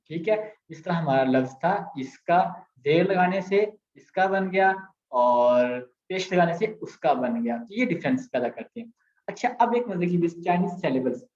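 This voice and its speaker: A man's voice: fairly high pitch, a little mellow. A man with a Pakistani Urdu accent teaching a language lesson, patiently repeating sounds and mixing in English. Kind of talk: explaining grammar with screen examples. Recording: echoey, slightly dull sound.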